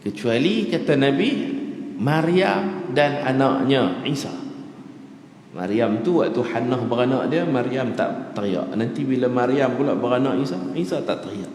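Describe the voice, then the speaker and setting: A man with a northern Malaysian Malay accent giving a dawn lecture in a mosque, chatty and joking, slowing down to recite Arabic verses. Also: medium pitch, expressive, darkish tone, slight background noise. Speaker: religious teacher. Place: mosque prayer hall. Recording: echoey mosque hall with faint ambience.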